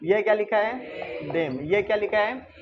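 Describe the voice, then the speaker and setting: A male teacher running a reading drill for his class, quizzing them with repeated call-and-response questions and coaxing and teasing them to answer louder. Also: sits high, moderate pace, over music. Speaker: English teacher. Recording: slightly dull lo-fi recording.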